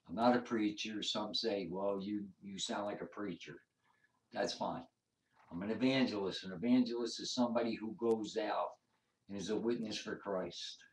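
A man giving an informal sermon as an evangelist, teaching in an earnest, emphatic TV-preacher manner. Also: fairly low pitch. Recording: echoey room, distant microphone.

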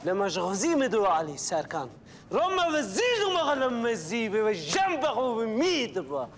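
A man's voice: high voice, huge pitch swings, normal speed, background noise. An actor playing an eccentric, grandiose man in a TV comedy who lectures and then slips into made-up gibberish. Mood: babbling. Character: eccentric rambling man babbling nonsense talk. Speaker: strange tea-house man called troll. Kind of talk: TV comedy acting.

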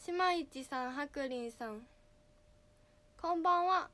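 A teen girl idol chats on a livestream in a high, slightly nasal voice, speaking a little slowly. She keeps things casual, reading out the names of viewers and welcoming them with bright greetings.

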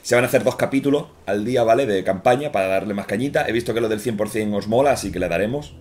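A man's voice: fairly low pitch, fast talker, a little mellow. A man in his thirties with a Castilian Spanish accent giving casual, jokey gameplay commentary in an informal, chatty way. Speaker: gaming streamer. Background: game music.

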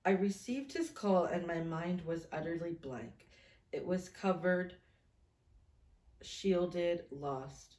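Slow and a little mellow, with a fairly low pitch, this thirtysomething woman hosts a vlog from a table in a small, echoey room. She chats casually and reads old journal entries, poking fun at herself as she tells the stories.

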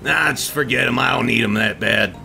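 A man voicing a gruff, impatient large male stallion in a fanfic reading, curt and annoyed. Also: mid-range voice, a little fast, bright, forceful tone, faint music behind, heavily acted. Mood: weary.

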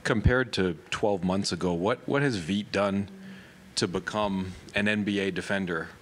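A man's voice: low-pitched, normal speed. A man, a reporter, asking a coach direct questions at a press conference. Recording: off-mic in a room with faint noise.

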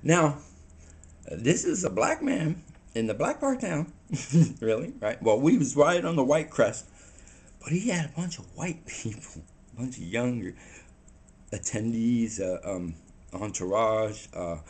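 A vlogger in a small room tells a story to the camera in front of him, rambling, halting and a little shaky in his mid-range voice. He gestures animatedly with his hands as he talks.

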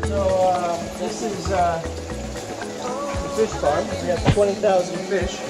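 A middle-aged man giving a casual outdoor tour of his fish farm, talking haltingly with many fillers and restarts. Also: high-pitched, fairly even intonation, rough recording. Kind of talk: casual walking tour explanation. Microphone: handheld camera nearby. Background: loud music added over the talk.

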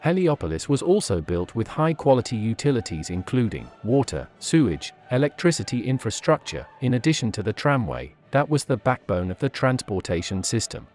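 A man reading scripted documentary narration for a walking tour, in a measured, list-by-list delivery. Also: medium pitch, big pitch swings, darkish tone.

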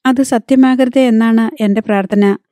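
Narrator doing a distressed young wife full of doubt, mellow tone, dry storybook sound. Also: female voice, on the high side, fairly even intonation, moderate pace, no room sound, natural voice. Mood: doubting, anguished.

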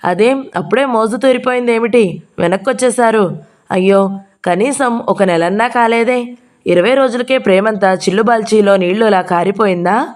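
A woman's voice: mid-range voice, normal speed, darkish tone, close to an everyday voice. Female narrator as a betrayed wife, taunting and sarcastic. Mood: mocking. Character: mocking wronged wife, a bank employee.

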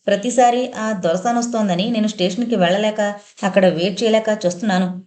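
Woman playing an impatient young man, grumbling, quick, mellow, audio novel. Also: mid-range voice, fairly even intonation, close to an everyday voice. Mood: irritated. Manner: rapid irritated complaining.

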